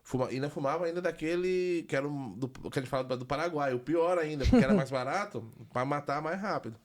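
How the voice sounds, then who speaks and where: A young adult man telling a personal story in a conversational way, animated and acting out the voices of the people in it. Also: fairly high pitch, fast talker. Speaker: guest giving a testimony.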